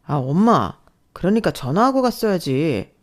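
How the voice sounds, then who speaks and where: A woman's voice: fairly low pitch, very animated, moderate pace. A woman voicing an irritated young husband who sides with his mother, reproachful and defensive, in a radio drama. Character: irritated young married man, mother's son.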